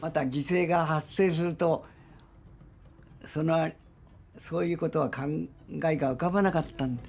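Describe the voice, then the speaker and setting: Old man from Japan, fairly high voice. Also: steady tone, quick pace, creaky, long pauses, a little mellow, faint music behind. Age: 90s. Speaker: former soldier. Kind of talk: recalling memories in interview.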